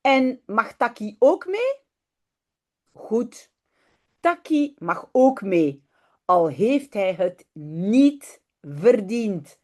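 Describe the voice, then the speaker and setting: Animated woman teacher, slow storyteller. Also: fairly high pitch. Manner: slow, very lively storybook reading with shifting character voices; quick, chatty explaining between readings. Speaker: Dutch teacher. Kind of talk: reading a children's story aloud, then explaining.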